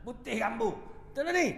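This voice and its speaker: Speaking in a very high, creaky, slightly bright voice, this man preaches an evening lecture in a prayer hall that echoes. His Terengganu Malay accent colors humorous stories he punctuates with chuckles, while he keeps asking the audience "right?"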